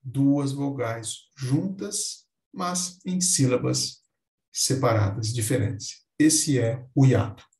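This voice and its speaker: A man teaching a Portuguese grammar lesson, speaking slowly and deliberately and stressing each example word. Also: mid-range voice, darkish tone, roomy sound.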